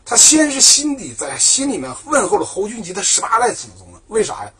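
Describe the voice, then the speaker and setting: Male storyteller, husky and animated, chatty colloquial history narration. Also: sits high, fairly quick. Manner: lively, chatty, asks and answers his own questions.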